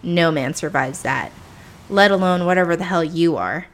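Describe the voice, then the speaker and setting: A woman's voice: lowish voice, moderate pace, close to an everyday voice. Woman playing a cold, vengeful scorned woman. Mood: menacing. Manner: cold, taunting menace. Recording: music bed under the voice. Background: music.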